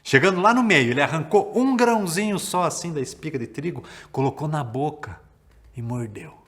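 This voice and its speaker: A man with a Brazilian accent from Paraná, telling a folk tale to children in a lively, theatrical way and stretching words for effect. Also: fairly high pitch, normal speed. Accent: Paraná Brazilian Portuguese. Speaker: storyteller. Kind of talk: children's storytelling.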